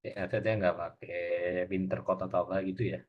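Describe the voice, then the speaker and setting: A man's voice: deep voice, steady tone, a little fast, husky, highs cut off. A man, a language student reading and translating hesitantly, searching for words. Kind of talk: reading aloud and translating in a lesson.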